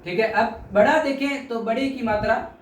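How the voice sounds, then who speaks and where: Man, teacher, high voice, patient repeated explanations, stretched vowel demos, roomy echo, set back from the mic. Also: normal speed. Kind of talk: classroom lesson. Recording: echoey room, mic at a distance, faint noise.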